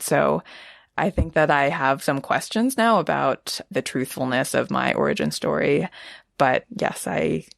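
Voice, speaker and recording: A young woman with an American accent, answering interview questions in a measured, reflective way. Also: low voice, vocal fry, dry recording, clean studio sound. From United States, Vermont. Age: young adult. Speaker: podcast guest.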